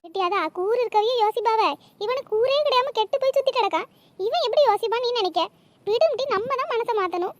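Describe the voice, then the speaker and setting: A woman's voice: extremely high pitch, lively intonation, fast, no room sound. A woman voicing a bossy but caring village neighbor in a cartoon, lecturing. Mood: consoling. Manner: scolding, lecturing. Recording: noisy cartoon voice track.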